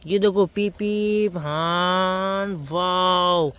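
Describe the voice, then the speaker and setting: Man, high voice, toy-play narrator for kids, eager, mouths engine noises. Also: very slow, clear, resonant tone. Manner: excited, keeps calling out to children, makes vehicle sounds. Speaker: toy video narrator for children.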